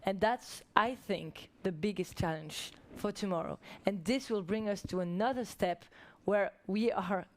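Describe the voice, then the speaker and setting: A woman's voice: medium pitch, measured pace, few pauses. Passionate woman panelist. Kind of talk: panel debate.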